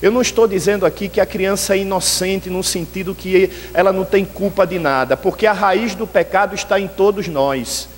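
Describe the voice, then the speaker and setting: A man with a Brazilian accent preaching a sermon and telling a story in a lively way, often calling the listeners brethren. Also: sits high, fairly quick, hardly any pauses, in a large hall, slight background noise. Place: church sanctuary.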